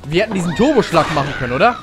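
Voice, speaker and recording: A young man streaming and commentating a tennis video game for his chat in a casual, jokey way, with sudden excited shouts. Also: fairly high pitch, very fast, over music.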